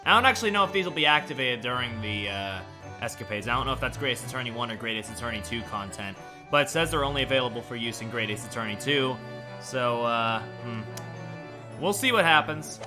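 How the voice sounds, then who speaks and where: A man chatting casually while streaming a game, relaxed and rambling, with game music behind. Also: medium pitch, brisk. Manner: relaxed, rambling, lots of fillers. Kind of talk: casual let's-play chat and reading the game aloud.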